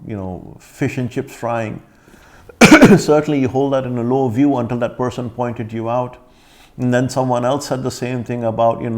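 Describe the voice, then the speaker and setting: A man with an accent giving an indignant rebuttal vlog, confronting his critic directly. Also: medium pitch. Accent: foreign accent. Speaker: vlogger.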